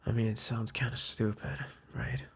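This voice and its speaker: In an ASMR-like roleplay, a man playing the listener's boyfriend whispers a tender apology into a close mic. His husky, breathy voice is on the low side and monotone, moving at a moderate pace. He speaks softly and hesitantly, with sighs and restarts.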